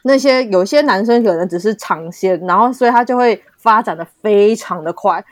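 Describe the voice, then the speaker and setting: A woman's voice: medium pitch, a little fast, no echo. Dry, close-miked young woman chatting. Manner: reactive, frequent laughs and gasped interjections. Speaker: podcast host, former cram school staff. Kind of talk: casual chat.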